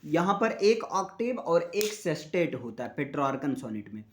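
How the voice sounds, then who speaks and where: A man teaching English literature. He reads definitions slowly and explains them with questions to the listener. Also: on the high side, sing-song, a little hiss or hum. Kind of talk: classroom-style lecture mixing Hindi and English.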